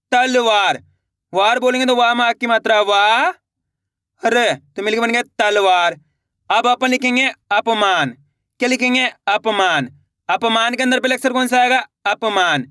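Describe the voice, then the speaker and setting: A young man with a strikingly high, sharp, crisp voice leads a children's spelling lesson, stretching every syllable and firing quick questions back at the class. He repeats each word again and again in a patient call-and-response drill. The recording is close and dry, with no room sound. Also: no echo. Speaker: Hindi writing teacher.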